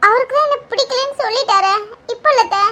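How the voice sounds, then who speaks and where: A woman's voice: extremely high pitch, quick pace, pushed and bright. A woman voicing a heartbroken young woman in a cartoon, wailing and self-pitying. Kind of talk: cartoon voice acting.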